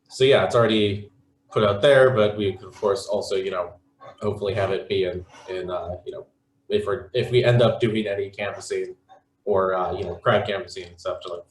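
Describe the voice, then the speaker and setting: A man's voice: deep voice, fairly even intonation, normal speed, echoey room, poor audio. A man speaking as a campaign representative on a video call, rambling and hesitant with many fillers. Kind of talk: casual spoken pitch at an online forum.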